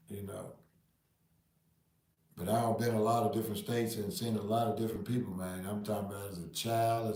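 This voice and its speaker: A man's voice: fairly low pitch, mellow, far from the mic. Laid-back Southern man in an echoey room. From Nashville, Tennessee. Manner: laid-back, repeats "man" and "you know what I mean". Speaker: podcast host. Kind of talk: casual monologue.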